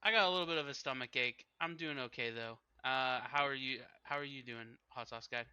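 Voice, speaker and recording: A man's voice: mid-range voice, a little fast, bright, forceful tone, clear, resonant tone, no room sound. A man co-hosting a casual podcast chat, joking and teasing playfully. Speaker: podcast co-host.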